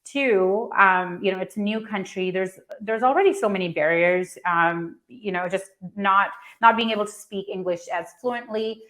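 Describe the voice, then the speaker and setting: A woman's voice: mid-range voice, moderate pace, few pauses, fairly bright tone. A woman in her thirties from Pakistan, telling her personal story at a startup event in a conversational way with lots of fillers and restarts. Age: 30s. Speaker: founder and speaker.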